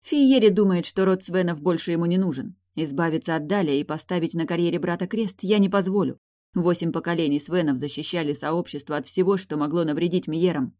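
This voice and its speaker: A woman voicing a furious, sharp-tongued woman on prosthetic legs who shouts and snaps, in an audiobook. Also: lowish voice, a little fast, no echo, clean studio sound, lightly acted. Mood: curt. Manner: shouting, snapping.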